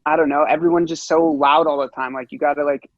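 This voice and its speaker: A man's voice: on the high side, steady tone, fast talker, dry recording, muffled recording. A man in his late twenties, a guest musician chatting casually on a podcast, rambling with lots of fillers and swearing freely. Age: 20s.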